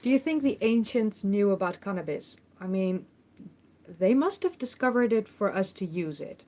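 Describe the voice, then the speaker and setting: A Dutch woman in her thirties, a history YouTuber with a Dutch accent, hosts a casual livestream Q&A, reading chat questions aloud in a chatty way full of ums and restarts. Her mid-range, dark-toned voice has lively intonation at a moderate pace, recorded on a phone mic in a temporary room of a family home.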